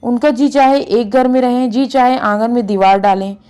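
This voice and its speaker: A woman's voice: fairly high pitch, steady tone, moderate pace, dark tone, smooth, natural voice. A woman reading a weary, resentful village aunt. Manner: weary, dismissive replies. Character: middle-aged widowed aunt, weary and resentful.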